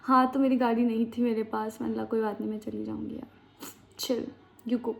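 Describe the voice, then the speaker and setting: A woman's voice: fairly high pitch, flat delivery, fairly quick, creaky. A young woman from India telling a personal story in a chatty, slangy, dramatic casual storytime vlog. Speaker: vlogger. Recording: dull lo-fi sound with faint background noise.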